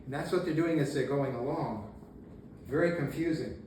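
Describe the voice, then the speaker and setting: A man giving a casual local history talk to an audience, telling the story with energy and acting out shouted lines and laughing along the way. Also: on the high side, moderate pace. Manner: animated storyteller, acts out shouted quotes, laughs often. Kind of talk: casual public lecture. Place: meeting room with audience. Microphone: distant camera. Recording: echoey room, faint noise, mic far off.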